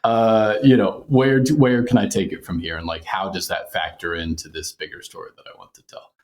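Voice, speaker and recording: In a casual interview, a podcast creator explains things with thought and good humor, chuckling regularly. He speaks briskly in a low, darkish voice that doesn't move much in pitch.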